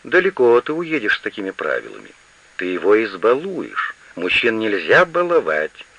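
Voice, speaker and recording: A grumpy old woman who orders everyone about and scolds without letup, read by a man. The voice is bright and a little husky, with wide swings in pitch. It comes through a muffled, lo-fi radio recording. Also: wildly swooping pitch, normal speed, full character voice. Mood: grumbling. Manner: scolding, imperious. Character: grumpy, fussy older woman, a mother-in-law.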